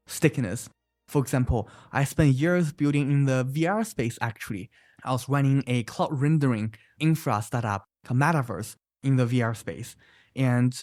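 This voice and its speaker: A startup founder from China answers interview questions in an animated, emphatic manner, often adding "right?" and explaining with many examples. His mid-range voice is recorded in studio quality with no echo.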